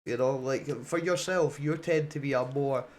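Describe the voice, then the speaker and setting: A man's voice: medium pitch, moderate pace. Rambling man hosting a chat. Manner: rambling, coaxing questions. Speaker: podcast host. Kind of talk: casual podcast chat.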